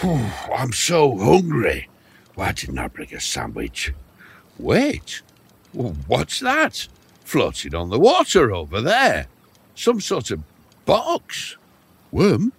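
An actor playing a hungry, dizzy old man drifting in a boat, slow and wistful, in a children's audio story. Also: a little high, huge pitch swings, breathy edge, exaggerated voice. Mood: excited.

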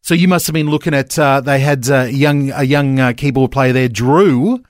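A man's voice: medium pitch, moderate pace, dry recording, studio quality. A man with an Australian accent hosting casual radio chat, with a blokey, matey manner. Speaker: radio host. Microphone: close studio radio mic.

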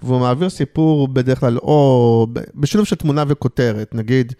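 A man's voice: mid-range voice, warm tone. A man talking as a guest in a casual interview, hesitant, with many fillers and restarts. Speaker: guest, advertising creative.

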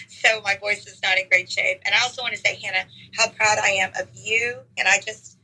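A middle-aged woman from Texas with a raspy voice, chatting eagerly as an interview guest with lots of ums. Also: mid-range voice, steady tone, normal speed, sharp tone, rough recording. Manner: enthusiastic, many fillers. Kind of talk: casual interview.

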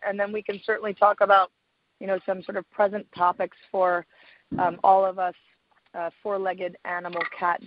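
A woman with a raspy voice from a cold and laryngitis, explaining things conversationally as a radio guest. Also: medium pitch, no room sound, lo-fi sound. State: getting over a cold and laryngitis. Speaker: guest expert, veterinary surgeon and clinic owner.

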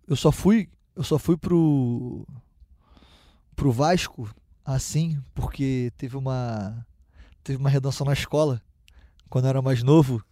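A man's voice: medium pitch, dark tone, no echo, studio quality. A young man, a footballer guest telling a personal story casually, with many restarts.

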